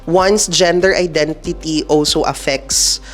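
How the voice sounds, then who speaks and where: A woman hosting a podcast, moderating a group discussion with a lively, welcoming manner. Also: sits low, a little slow. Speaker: podcast host.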